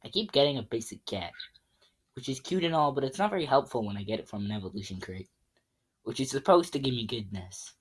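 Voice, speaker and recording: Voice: medium pitch, expressive, fairly quick, husky. A podcast host in casual, rambling chat over a voice call while gaming, joking and teasing their friend.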